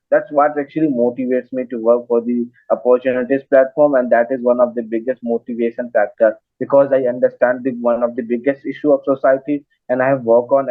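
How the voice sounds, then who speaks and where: A man's voice: mid-range voice, dry recording. Earnest male host on a tinny call line. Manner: earnest, halting, with restarts. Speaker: interviewer, host. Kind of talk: casual interview talk. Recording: dry phone-like line.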